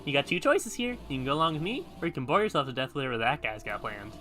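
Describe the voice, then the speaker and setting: Fast, swooping, teasing trickster rabbit. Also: medium pitch, sing-song, bright, forceful tone, soft background music. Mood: taunting. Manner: taunting, theatrical, flirtatious. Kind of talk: video game cutscene acting.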